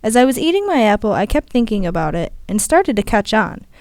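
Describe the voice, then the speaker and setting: A young woman, a student interpreter, voicing a first-person story in a steady, measured way. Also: mid-range voice, dry recording, studio quality. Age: young adult.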